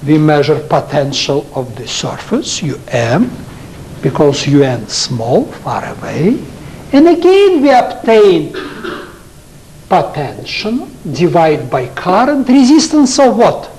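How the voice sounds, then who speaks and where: An older man with a Russian accent giving a university lecture, speaking in halting English and asking his students rhetorical questions. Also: sits high, a little mellow, low-quality recording. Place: lecture hall.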